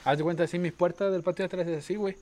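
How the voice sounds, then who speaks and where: A man's voice: high-pitched, fairly even intonation, racing, darkish tone. A young man with a Mexican accent, telling childhood stories in a slangy casual chat, laughing at his own tales. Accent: Mexican Spanish. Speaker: podcast co-host.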